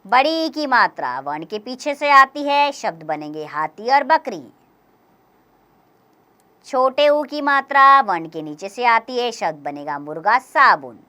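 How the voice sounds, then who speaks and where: A woman teaching a grammar lesson for young children, explaining slowly and clearly, step by step. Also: on the high side, bright, forceful tone.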